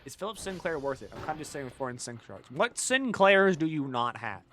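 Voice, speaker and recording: A man with a slightly high voice and a cold, chatting loosely over his gameplay stream. He rambles, swears freely and jokes around, sliding from half-mumbled asides to sudden loud bursts when he commits to a bit. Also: big pitch swings, fairly quick, a little hiss or hum. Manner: rambling, joking, swears often, swings from mumbling to loud bits. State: has a cold. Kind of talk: casual gaming stream chat.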